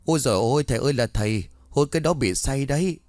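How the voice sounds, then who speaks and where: A man voicing a fussy, excitable middle-aged village man in a spoken ghost story. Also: mid-range voice, quick pace, no room sound, lightly acted. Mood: fussing.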